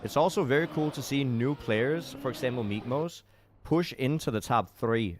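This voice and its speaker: A Danish man, whose first language is Danish, casts a racing game live in a medium-pitched voice at normal speed. He is chatty and self-deprecating and reacts to his chat, with background noise audible behind his commentary.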